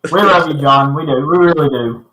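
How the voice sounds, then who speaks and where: A man's voice: on the high side, brisk, sharp tone, echoey room, low-quality recording. A man co-hosting a casual fishing livestream from a small basement corner room, his voice hollow as if through a pipe, greeting viewers and teasing friends. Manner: laid-back, teasing, friendly. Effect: hollow pipe-like sound from a small basement corner room.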